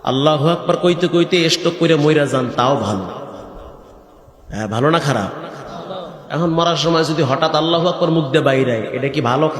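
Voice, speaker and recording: A man's voice: fairly high pitch, a little fast. A man preaching a sermon who breaks into sung chanting and asks the crowd questions in folksy asides. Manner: swings between sung chanting and rustic conversational asides. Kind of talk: Bengali waz sermon with sung recitation. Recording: echoey hall with long reverb.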